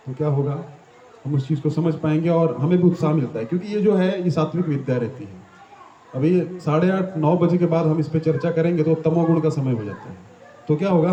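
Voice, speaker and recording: A man's voice: on the high side, warm tone, muffled recording, a little hiss or hum. A man giving a devotional talk to a gathering in a small temple hall. He explains step by step, asks the audience questions and often ends his sentences with "है ना". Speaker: devotional teacher.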